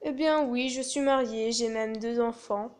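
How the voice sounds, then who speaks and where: A woman's voice: fairly high pitch, a little slow, close to an everyday voice. A woman playing a pompous male artist with a German accent. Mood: smug. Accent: German, put on. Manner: pompous, theatrical.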